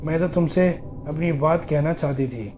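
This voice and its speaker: A man voicing a sad, ghostly young woman in a spoken horror story, in a soft pleading tone. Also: fairly high pitch, normal speed, faint music behind, lightly acted. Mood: wistful.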